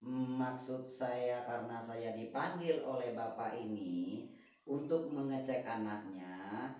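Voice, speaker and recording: A man playing a healer in a staged skit, politely trying to calm an angry shaman. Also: mid-range voice, slow pace. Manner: placating, polite, repeatedly calming. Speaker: spiritual healer. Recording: echoey room, far from the mic.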